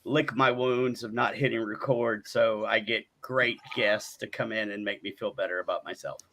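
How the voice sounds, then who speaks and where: Gravelly, bright male host; playful, jokey banter. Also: on the low side, steady tone, moderate pace. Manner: jokey, playful, laughs easily. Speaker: show host. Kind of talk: casual online talk show.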